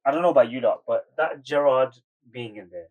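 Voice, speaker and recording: A man's voice: medium pitch, brisk, far from the mic, phone-quality sound. Argumentative man, off-mic. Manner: argumentative, questions the others. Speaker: panelist. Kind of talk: casual football debate.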